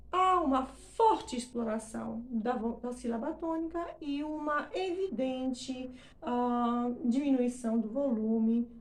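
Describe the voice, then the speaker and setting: A woman with a high-pitched voice teaches English pronunciation in Portuguese, recorded in an echoey room. In this explanatory lesson, she stresses words emphatically, draws them out in demonstration, and checks in often with short questions.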